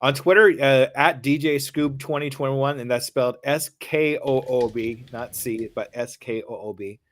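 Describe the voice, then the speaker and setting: A man chatting as a guest on a podcast in a friendly, easygoing way. His voice is mid-pitched and ordinary. It is recorded close and dry. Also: normal speed, fairly bright tone, no room sound. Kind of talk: casual podcast interview.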